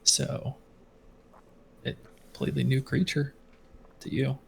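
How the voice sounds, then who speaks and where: A man running a tabletop game as game master, describing scenes in a halting way with frequent self-corrections. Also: mid-range voice, little pitch movement, creaky, a little hiss or hum. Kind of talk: narrating a tabletop game on a live stream.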